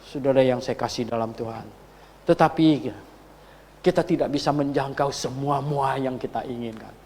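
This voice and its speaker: A male pastor preaching a sermon, telling a story and asking the congregation for agreement, rising to loud, high emphasis. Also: moderate pace. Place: church hall. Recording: long hall reverb.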